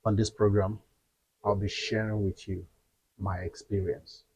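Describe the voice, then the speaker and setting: A Nigerian man, an entertainer and guest, introducing himself in a measured, deliberate way. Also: lowish voice, flat delivery, darkish tone, slightly rough. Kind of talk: self-introduction. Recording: dry, dull lo-fi sound.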